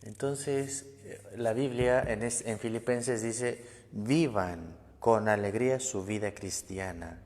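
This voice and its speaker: A man's voice: on the low side, slow pace, a little mellow, in a large hall. A man giving a sermon, emphatic, repeating key phrases and often adding a questioning tag. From Mexico. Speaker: priest. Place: parish church.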